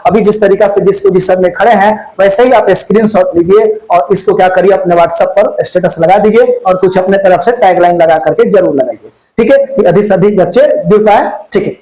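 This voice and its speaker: A man's voice: high voice, mellow, poor audio. A man teaching a physics exam-prep lesson, folksy and chatty, asking questions and answering them himself. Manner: folksy, asks and answers his own questions. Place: classroom with lights on, insects flying around.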